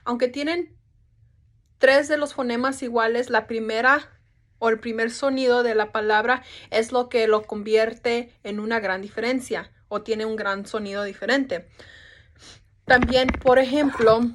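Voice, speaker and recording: A woman's voice: on the high side, fairly even intonation, unhurried. A young woman explaining a topic in a class presentation, casual, with restarts and English fillers. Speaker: student presenter.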